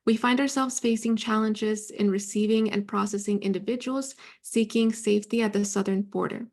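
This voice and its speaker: Flat-voiced formal woman moderator. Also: mid-range voice. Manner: measured, formal reading. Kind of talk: reading a prepared panel question.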